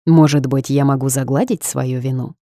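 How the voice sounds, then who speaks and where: A woman voicing a smug, seductive male boss who speaks calmly and commands. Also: extremely low pitch, normal speed, no echo, studio quality.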